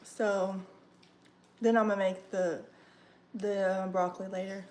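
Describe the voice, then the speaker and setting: A young woman chatting casually on a kitchen livestream, full of fillers and savoring her food out loud. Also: mid-range voice, little pitch movement, unhurried, slight background noise. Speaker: livestream host. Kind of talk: casual livestream cooking chat. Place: home kitchen.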